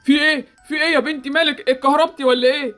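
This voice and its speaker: A woman voicing a kindly older male shopkeeper with an Egyptian accent, gently reassuring. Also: high voice, steady tone, very fast, over loud music, close to an everyday voice. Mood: fatherly. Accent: Egyptian Arabic.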